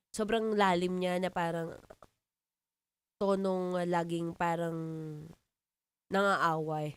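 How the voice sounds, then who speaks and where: A woman in her twenties with a Filipino accent and a deep voice, hosting a live radio show and chatting playfully with listeners. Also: clean tone, no room sound. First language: Tagalog. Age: 20s. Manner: playful, teasing, laughs often. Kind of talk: live radio chat reading comments. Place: radio studio.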